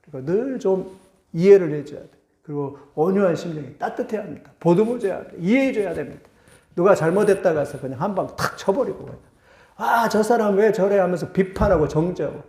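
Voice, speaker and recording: A middle-aged male pastor preaching a sermon, with sudden rising bursts, slowing down for scripture. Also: sits high, warm tone, reverberant.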